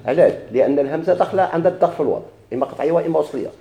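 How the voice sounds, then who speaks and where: Moroccan male teacher, raised pitch, mellow tone, quizzes and answers himself. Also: expressive, vocal fry, roomy sound. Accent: Moroccan Arabic. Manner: asks questions and answers them himself; repeats key words slowly for emphasis. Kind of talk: grammar lesson in dialect.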